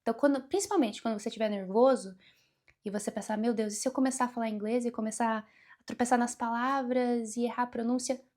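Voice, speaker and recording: A young woman giving a casual English lesson, speaking slowly and deliberately and mixing English words into her speech. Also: a little high, fairly even intonation, a little mellow. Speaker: English teacher.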